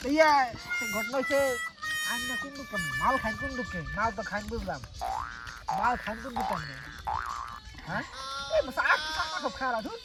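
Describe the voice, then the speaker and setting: Guy playing a rowdy town drunk, rambles n repeats stuff, comedy skit, really loud music over it. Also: very high voice, wildly swooping pitch, a little fast, heavily acted. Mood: maudlin, rambling. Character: boisterous drunk village man pouring drinks for friends. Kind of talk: amateur comedy sketch.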